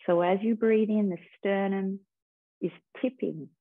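A woman teacher slowly guiding a breathing and body-awareness meditation in a calm, soothing way. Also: medium pitch, no room sound. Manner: slow, calm, soothing guidance. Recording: tinny phone-like sound.

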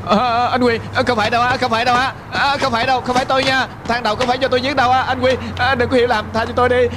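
A whimpering, terrified thug. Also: male voice, very high voice, little pitch movement, very fast, background noise. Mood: pleading. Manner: whimpering, pleading. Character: terrified male thug begging for mercy.

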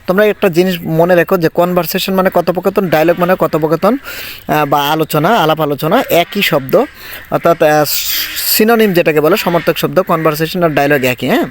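A man teaching an English textbook lesson, explaining patiently and reading the English lines slowly before he translates them. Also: a little high, slight background noise.

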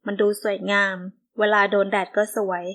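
A woman narrating a romance novel as an audiobook in a calm, measured storytelling manner. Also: mid-range voice.

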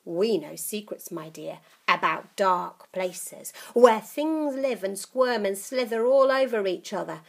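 A woman's voice: medium pitch, creaky. A woman putting on a gloating witchlike old granny. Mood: sly, menacing. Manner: relishing, slow and menacing, drawn-out words. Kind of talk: storybook reading.

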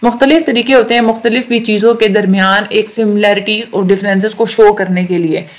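A woman teaching a recorded lecture, explaining slowly, repeating words and checking in often. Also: mid-range voice, fairly even intonation. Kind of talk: recorded lecture on English grammar.

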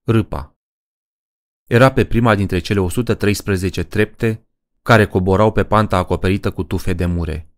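A man reading a horror story aloud as an audiobook narrator, in a measured, deliberate way. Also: low voice, no echo.

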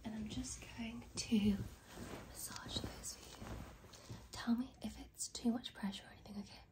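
A woman's voice: a little high, steady tone, moderate pace. Whispering young woman in a massage role-play. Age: young adult. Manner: soothing, reassuring client-care talk in short murmured phrases. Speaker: ASMR performer playing a massage therapist. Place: small bedroom, indoors.

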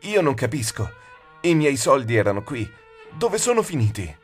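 A man voicing a panicking shopkeeper who pleads in a frantic, shrill way in an audiobook. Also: animated, moderate pace, faint music behind, lightly acted. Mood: panicked. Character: panicking middle-aged male shopkeeper, desperate and pleading. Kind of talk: audiobook character voice.

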